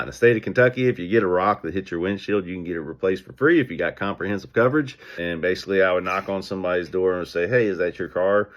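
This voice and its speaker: A man speaking as a business owner, telling stories and giving advice in an energetic, conversational way. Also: low-pitched, highs cut off. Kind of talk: casual motivational talk.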